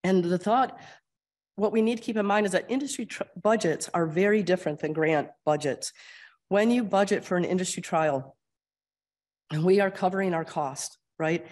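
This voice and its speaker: Her fairly low, darkish voice carries an Upper Midwest American accent at normal speed, strained as she recovers from a cold and loses her voice. Presenting grand rounds as a clinical research administrator, she walks through her slides conversationally and explanatorily, often saying um and clearing her throat.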